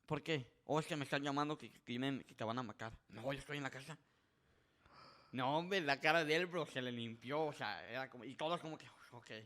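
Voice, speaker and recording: A man with a mid-range voice, appearing as a podcast guest, tells a story casually at a fairly quick pace. He's animated, imitating the voices of those in the tale and restarting sentences frequently.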